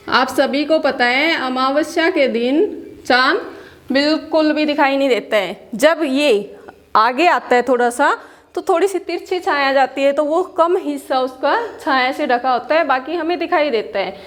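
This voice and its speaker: A woman's voice: high-pitched, unhurried, a bit bright. A woman teaching a school class, explaining patiently, asking questions and answering them herself, and mixing English words into her Hindi. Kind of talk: classroom lesson.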